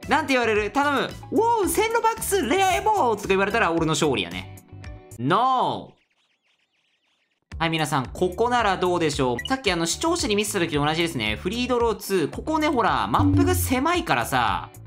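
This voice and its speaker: A young woman with a Kansai accent talks her viewers through a game in a chatty, animated way. Her voice swings widely in pitch as she reacts. Soft music plays faintly underneath. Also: normal speed. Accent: Kansai Japanese. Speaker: gaming YouTuber. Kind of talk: let's play commentary.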